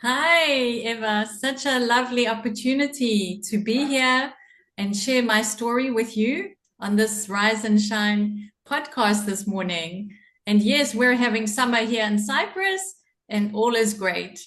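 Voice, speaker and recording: A middle-aged South African woman, appearing as a podcast guest, earnestly tells her personal story and laughs often. Her voice is a little high, fairly bright, and a little slow, heard in an echoey room.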